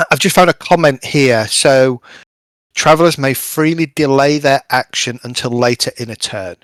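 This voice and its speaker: A man's voice: mid-range voice, moderate pace, a bit bright, no echo. Man running a tabletop game, dry sound. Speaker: game master.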